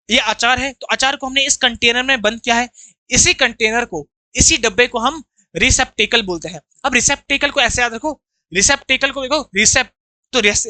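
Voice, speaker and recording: A man's voice: extremely high pitch, sharp tone, dry recording. A man from India teaching English vocabulary in an online lesson, explaining each word and asking students to repeat after him, with an Indian accent.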